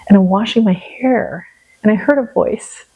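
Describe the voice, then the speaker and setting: A woman from the Seattle area telling a personal faith story in casual conversation, animated and acting out her own prayers. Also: medium pitch, moderate pace, slightly rough, narrow, tinny audio. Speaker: podcast guest.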